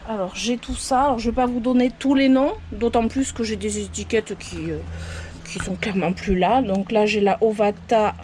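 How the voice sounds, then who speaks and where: A woman's voice: medium pitch, fairly even intonation, moderate pace, darkish tone. A woman giving a casual tour of her potted succulents outdoors, rambling and often unsure of the plant names. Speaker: plant vlogger. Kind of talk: casual show-and-tell tour.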